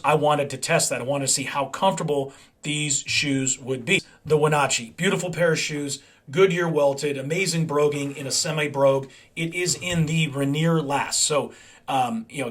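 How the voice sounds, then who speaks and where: A man's voice: a little high, fairly bright tone. Upbeat man reviewing his shoes. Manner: enthusiastic, conversational. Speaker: menswear reviewer. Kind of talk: review vlog to camera.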